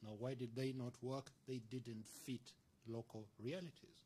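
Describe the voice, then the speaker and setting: A man's voice: mid-range voice, fairly even intonation, a little slow, mellow, a little hiss or hum. Earnest Ugandan-born man arguing his point. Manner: earnest, argumentative, clears throat often. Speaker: report author. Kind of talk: panel discussion answer. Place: large conference room.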